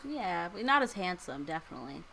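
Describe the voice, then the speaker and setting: A woman's voice: lowish voice, a little fast, vocal fry, a little hiss or hum, rough recording. A woman in her early twenties chatting on a podcast with a dry, teasing manner. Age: 20s. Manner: teasing, deadpan. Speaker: podcast co-host. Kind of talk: casual chat.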